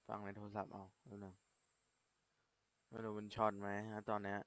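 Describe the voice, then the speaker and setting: A man's voice: lowish voice, monotone, fairly quick, fairly bright tone, dry recording. A young man chatting casually while playing a video game and checking his mic. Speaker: gameplay streamer. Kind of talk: casual gameplay commentary.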